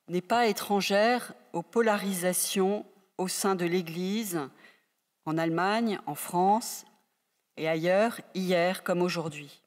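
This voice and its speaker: Woman introducing a speaker at a uni event, formal and polite, echoey hall. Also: fairly low pitch. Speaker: faculty host introducing the speaker. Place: large lecture hall at a faculty. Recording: echoey hall with long reverb.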